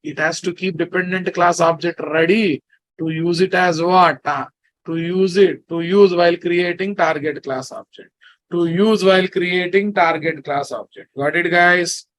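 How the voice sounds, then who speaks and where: During a programming class, a male instructor with a Telugu Indian English accent speaks unhurriedly in a high, somewhat bright voice with fairly even intonation. Repetition is common, as are checks that everyone is following along.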